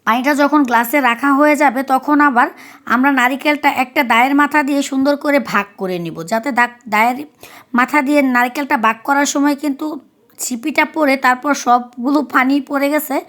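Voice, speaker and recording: High-voiced woman narrating a recipe. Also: a little fast, a bit bright. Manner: chatty, explains each step. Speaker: cooking vlogger.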